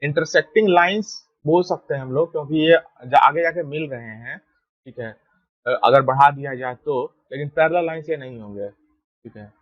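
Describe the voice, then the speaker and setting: A man's voice: on the high side, moderate pace, dry recording. Male math teacher, dull dry audio. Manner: steady, repeats "ठीक है" to check understanding. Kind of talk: explaining a lesson while drawing.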